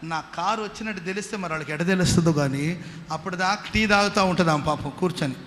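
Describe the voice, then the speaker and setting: Here a Telugu-accented pastor speaks quickly in a high, somewhat bright voice, using call-and-response and plenty of hallelujahs. He poses rhetorical questions to his congregation and supplies the answers himself. The audio carries a long hall reverb with a little background noise.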